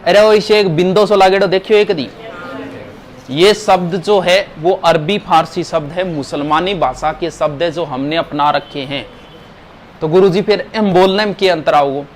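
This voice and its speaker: A man's voice: on the high side, moderate pace. A male teacher, giving a grammar lesson to a class, asking questions and stressing words.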